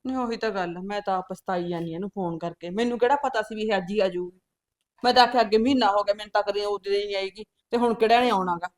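A middle-aged woman playing a patient older sister and farm-living mother who keeps calming her sibling down. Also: mid-range voice, racing, no room sound, lightly acted. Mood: placating. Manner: soothing, placating, often asks back "huh?". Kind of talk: village family drama acting.

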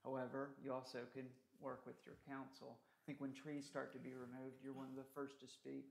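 A man's voice: medium pitch, completely flat delivery, brisk, vocal fry. A man on the city council, thinking aloud and asking questions during a meeting. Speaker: council member.

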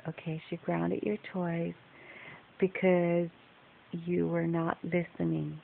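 A woman's voice: fairly low pitch, level tone, slow, gravelly. A woman on a home phone video firmly and patiently questioning a child. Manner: firm, patient, repeatedly questioning. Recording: tinny lo-fi phone recording with hiss.

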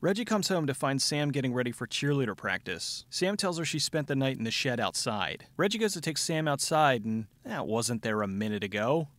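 A man's voice: mid-range voice, sing-song, a little fast, hardly any pauses, a bit bright, dry recording. A man giving a sardonic, scripted comedic movie recap as a show host, with dry wit. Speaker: film review show host. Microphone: close studio voice-over mic.

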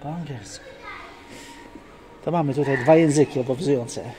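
A warm, mid-range voice at normal speed belongs to a man vlogging his family on a handheld phone, both outdoors and in a shopping mall. He narrates casually and chattily with dry asides, over noisy outdoor phone audio.

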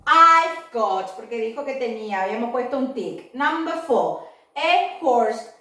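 A woman teaching kids English online, her high voice swooping up and down as she models words slowly and cheerfully. She sounds far from the mic in a very echoey room. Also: animated, bright, forceful tone. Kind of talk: online class for children.

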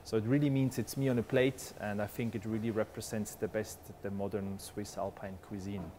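A man's voice: fairly low pitch, a little fast, slight background noise. Chef explaining a dish as he cooks. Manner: relaxed, explanatory, frequent "uh" fillers. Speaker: head chef. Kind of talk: explaining a dish while cooking. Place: large restaurant kitchen. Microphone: lapel.

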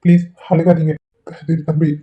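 A man voicing a gentle young village man. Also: on the high side, completely flat delivery, normal speed, slightly rough. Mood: reassuring. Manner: gentle, reassuring. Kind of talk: Tamil cartoon voice acting. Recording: tinny phone-like lo-fi audio.

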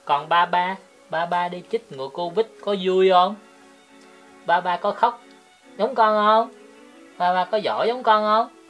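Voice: medium pitch, unhurried, pauses often, lo-fi sound, faint music behind, natural voice. A parent voicing a chatty, cheerful toddler girl in a sing-song baby-talk lilt for a home video. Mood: curious.

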